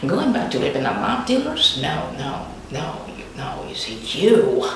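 A man's voice: a little high, sing-song. A man acting as a taunting, theatrical, deranged clown criminal in a crime drama, drawing out words erratically. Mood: amused, manic. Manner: drawn-out, taunting, erratic, breathy drops to near-whisper. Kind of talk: dramatic villain monologue in interrogation. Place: small dim bare room, seated. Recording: very echoey, distant, noisy fake old tape.

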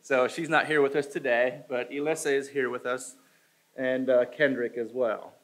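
A man's voice: mid-range voice, steady tone, rough recording. A man in his forties, a church elder, talking informally at a church podium with frequent restarts. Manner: halting, informal, many restarts. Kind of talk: church announcements and scripture reading. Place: church sanctuary stage. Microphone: podium microphone.

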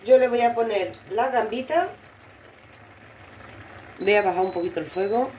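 A woman's voice: mid-range voice, normal speed. A woman, co-host of a home cooking show, chatting casually and using fond diminutives as she cooks.

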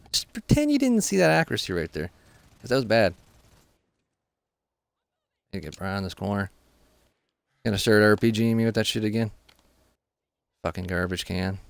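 Low gravelly man ranting over gameplay. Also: no echo. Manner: frustrated, profane running complaints. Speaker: gameplay commentator. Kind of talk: casual gameplay commentary.

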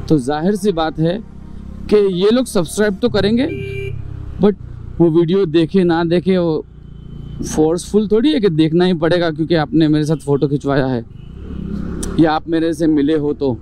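A man's voice: a little high, normal speed, pauses often, dark tone, slight background noise. A young man talking casually to camera as a motovlogger, explaining his points one by one with rhetorical questions. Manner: explains in numbered points, mixing English words; chatty, asks rhetorical questions.

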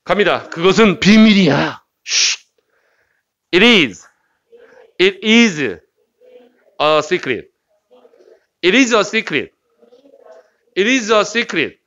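A man teaching English pronunciation in a lively, joking lecture style, jumping from loud bursts to quiet asides. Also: high-pitched, very slow, long pauses. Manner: playful, jokey, swings between loud bursts and quiet asides. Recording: dull lo-fi lecture recording.

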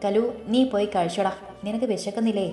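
A woman's voice: medium pitch, steady tone, fast, dark tone, lightly acted. A woman voicing a cheerful young student sister-in-law in a storybook reading, talking in a chatty, friendly way, in a roomy recording with faint music.

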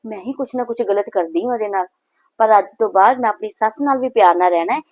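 A woman's voice: mid-range voice, fast, no echo, lo-fi sound, lightly acted. A woman playing a hot-tempered married daughter who resents her brother's wife, speaking with a Punjabi accent in a short film. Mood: remorseful musing. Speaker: the daughter of the house.

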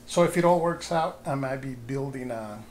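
A man casually explaining his flight sim setup in a home room full of monitors, talking into a handheld camera's mic in a relaxed, hesitant way with lots of "uh"s and restarts. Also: mid-range voice, moderate pace, a little hiss or hum, low-quality recording. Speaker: flight sim hobbyist vlogger.

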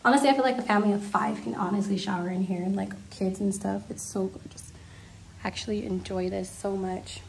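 A woman's voice: medium pitch, steady tone, fairly quick, gravelly, slight background noise. A young woman vlogger gushing as she walks the camera through a holiday villa, talking casually to viewers. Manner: gushing, enthusiastic. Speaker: travel vlogger. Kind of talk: casual room tour. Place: villa rooms and outdoor terrace. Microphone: handheld phone camera.

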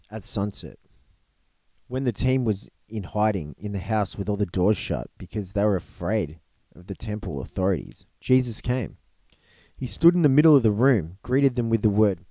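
A man reads a story aloud at an unhurried pace, now and then stumbling and restarting a phrase. His voice is mellow and warm. The recording is close and dry, with no room sound. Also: fairly low pitch, no echo. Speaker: reader of a storybook gospel. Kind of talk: reading a book aloud.

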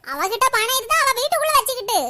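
A woman voicing a loud, sharp-tongued village woman in a cartoon, scolding and sarcastic. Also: very high voice, expressive, slight background noise, full character voice. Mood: angry. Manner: scolding, sarcastic, rapid complaints. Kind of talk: animated cartoon voice acting.

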